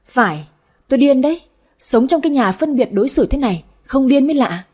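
A shrill, spiteful young wife in a family drama storybook, as a woman narrator puts her on. She shrieks and accuses in a frantic rush, her voice high and breathy. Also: animated, a little fast, a little mellow. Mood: bitter.

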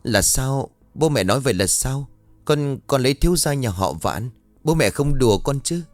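A man's voice: on the low side, lively intonation, normal speed, dry recording, soft background music, close to an everyday voice. A man doing a naive young woman. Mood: disbelieving. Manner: bright, questioning, disbelieving.

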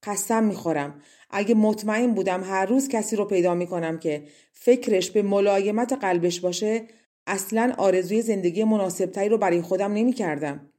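A woman's voice: mid-range voice, close to an everyday voice. A woman voicing a greedy, scornful old crone who walks with a cane and mocks as she talks. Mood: grumbling. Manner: mocking, grasping, sharp-tongued.

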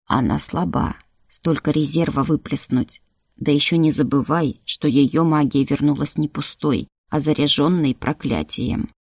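Storybook figure: a woman playing a gruff but caring young brother, low and husky. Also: a little slow, a little mellow, no room sound, clean studio sound, heavily acted. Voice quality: low husky half-whisper.

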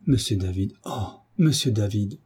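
A man reading the part of a gentle, affectionate young mother in a soft manner. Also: lowish voice, expressive, unhurried, husky, exaggerated voice. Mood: moved.

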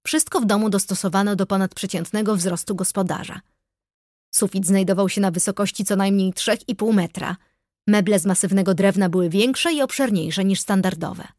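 A woman reading a first-person audiobook in a measured, wry storytelling manner. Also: mid-range voice, darkish tone, no room sound. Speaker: audiobook narrator. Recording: dry close studio sound.

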